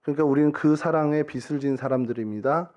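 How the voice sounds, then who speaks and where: A man's voice: on the high side, fast talker, a little mellow, highs cut off. A middle-aged man preaching a sermon in a church, talking in an easy, conversational way and acting out little everyday dialogues. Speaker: pastor. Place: church sanctuary.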